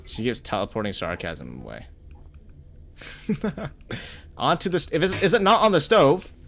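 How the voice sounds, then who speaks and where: Streamer guy, animated sing-song voice, curses, greets chat while gaming. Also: mid-range voice, fairly quick, creaky. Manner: chatty, cursing, greets chat between reactions. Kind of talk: live game stream commentary.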